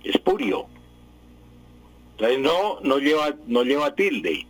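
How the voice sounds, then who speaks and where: A man's voice: mid-range voice, expressive, measured pace, fairly bright tone, husky, dry recording, low-quality recording. A man explaining word spelling and meaning to radio listeners in a patient, explanatory way with many fillers. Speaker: language expert answering listeners.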